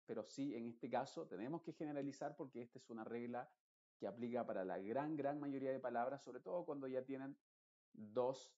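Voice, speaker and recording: Male teacher, patient explainer, mellow voice, muffled lo-fi recording. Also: mid-range voice, fairly quick. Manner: explains patiently, stretches vowels, reads word lists aloud. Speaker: English pronunciation teacher. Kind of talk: recorded online lesson.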